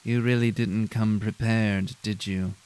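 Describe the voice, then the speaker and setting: A man voicing a condescending male professor with a nasal, monotone voice, speaking coldly and slowly. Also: lowish voice, clear, resonant tone, lightly acted. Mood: smug. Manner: cold, slow and drawn-out. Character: smug, condescending male professor giving a tour.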